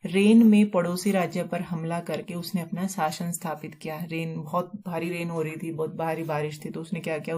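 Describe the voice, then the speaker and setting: A woman with a low, mellow voice teaches vocabulary over slides. She goes slowly, repeats each word and spells it out letter by letter. English terms run all through her explanation. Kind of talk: explaining vocabulary in a recorded lesson.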